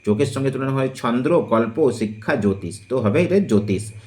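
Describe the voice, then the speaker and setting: A man teaching an exam-prep lesson, reading quiz questions and drawing out each answer option slowly and deliberately. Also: medium pitch, animated, a little mellow. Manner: slow, deliberate, drawn-out listing of options.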